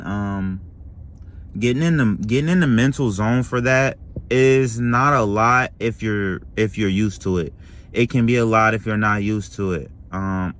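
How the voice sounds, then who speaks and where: A man's voice: lowish voice, fairly bright tone. A young man who works as a restaurant server, talking casually to camera in a rambling way, often correcting himself and asking "you know what I mean?". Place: lives in Florida.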